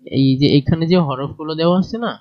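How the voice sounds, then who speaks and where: A man with a Bangladeshi Bengali accent talks through a textbook lesson, pausing to ask his listeners whether they follow. His voice sits a little high. The recording sounds dull and lo-fi. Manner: plain explanatory talk with fillers and checking questions. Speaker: teacher.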